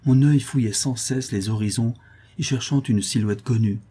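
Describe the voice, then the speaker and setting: A man narrating a literary novel as an audiobook in a measured, expressive reading. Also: medium pitch, breathy edge.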